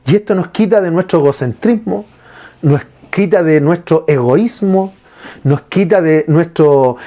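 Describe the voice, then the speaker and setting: A man preaching a sermon as pastor, asking his listeners questions and retelling scripture. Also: high-pitched. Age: adult father. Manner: lively preaching with rhetorical questions to the congregation.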